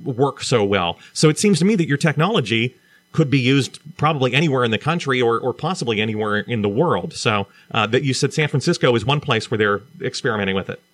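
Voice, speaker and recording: Halting male radio host, dry studio sound. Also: medium pitch, animated, fairly bright tone, no echo. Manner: halting, repeats words when starting a question. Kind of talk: radio interview.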